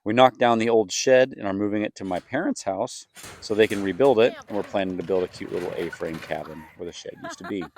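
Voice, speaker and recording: A man's voice: fairly low pitch, fast talker. A young man reading a scripted vlog voice-over as an earnest storyteller. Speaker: family vlogger, co-host.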